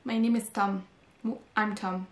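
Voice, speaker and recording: A woman who is a guest language teacher, saying words and phrases clearly and deliberately. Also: mid-range voice, steady tone. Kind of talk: short recorded word clips. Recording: roomy recording.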